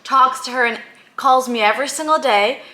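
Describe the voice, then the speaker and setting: A woman's voice: sits high, moderate pace, sharp tone. A young woman in casual conversation with friends, co-hosting in a tipsy, giggly manner. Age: young adult. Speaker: co-host of a friends' Q&A. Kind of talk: casual group chat. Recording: echoey room, faint background noise.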